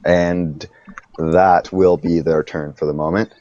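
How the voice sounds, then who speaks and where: A man narrating a tabletop game as game master, casual and quick to exclaim at bad rolls. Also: low voice, steady tone, warm tone, dull audio.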